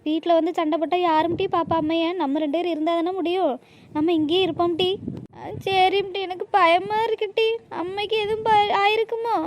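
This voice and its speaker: A woman's voice: extremely high pitch, steady tone, brisk, slight background noise. A woman voicing a frightened young village girl in a cartoon. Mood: scared. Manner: anxious, pleading. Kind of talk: cartoon voice acting.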